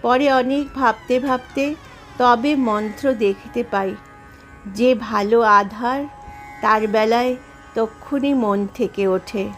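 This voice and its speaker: A woman reading aloud from a devotional book, telling the stories in a measured, reverent way. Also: fairly high pitch, steady tone, faint music behind.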